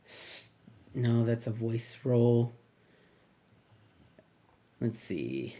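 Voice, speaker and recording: A man's voice: mid-range voice, expressive, very slow, mellow. A middle-aged man giving a casual spoken movie review, rambling with many fillers and restarts.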